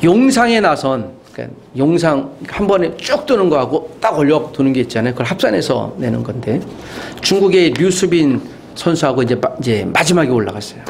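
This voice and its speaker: Male pastor, sermon delivery, fairly high voice that swoops up for emphasis. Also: brisk, gravelly, slight background noise. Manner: animated preaching with rhetorical questions and sudden pitch leaps. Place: university chapel room.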